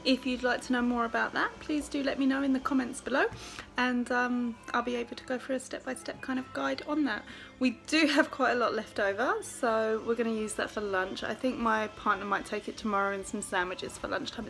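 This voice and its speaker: A woman's voice: a little high, steady tone, a little fast, vocal fry, a bit bright, faint music behind, poor audio. A woman in her thirties chatting casually to a phone camera in her home kitchen, friendly and full of fillers. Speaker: home cooking vlogger. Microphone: phone held at arm's length.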